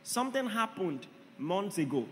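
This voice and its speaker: A man's voice: high voice, big pitch swings, normal speed, a bit bright, long reverb tail, a little hiss or hum. A man preaching a sermon, emphatic, often asking the congregation rhetorical questions.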